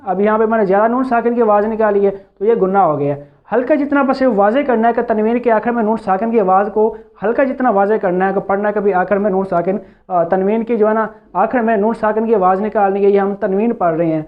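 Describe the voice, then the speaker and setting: A man teaching Quran recitation rules, explaining patiently and repeating himself, with slow drawn-out recited examples. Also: sits high. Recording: tinny phone-like sound.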